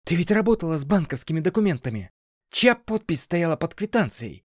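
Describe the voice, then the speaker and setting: A brusque middle-aged boss barking orders and questions, loud and pitched up with urgency, as a male narrator puts him on. His lines are sharp and commanding, dry and close in an audiobook reading. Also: sing-song, normal speed, slightly rough, no room sound, exaggerated voice. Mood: demanding, shouting.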